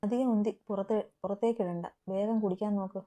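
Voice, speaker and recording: A doting young husband who orders his wife about with gruff, teasing affection, as a woman reads him aloud. The voice is very dark and mellow. It comes from a romantic audio story. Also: mid-range voice, fairly even intonation, fast talker, lightly acted. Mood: bossy. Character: caring bossy young husband.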